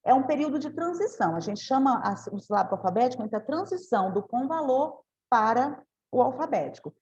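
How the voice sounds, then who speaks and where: A woman's voice: high-pitched, lively intonation, a little fast, darkish tone, muffled recording. A woman giving a teacher training talk, explaining step by step and often adding tag questions.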